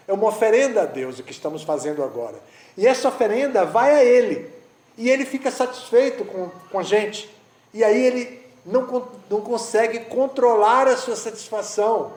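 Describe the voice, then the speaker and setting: A high-pitched, slightly mellow male voice belongs to a spiritual teacher telling a story during a conversational devotional talk, with frequent restarts. He speaks at an eco-village gathering in a spacious room, and the recording has a roomy echo.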